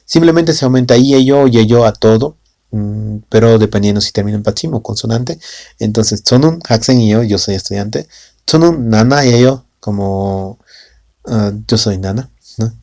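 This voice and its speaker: A man's voice: fairly low pitch, steady tone, normal speed, creaky, dark tone, no echo, studio quality. A man teaching a language lesson in a casual way in Spanish with a Latin American accent, often adding tag questions and fillers.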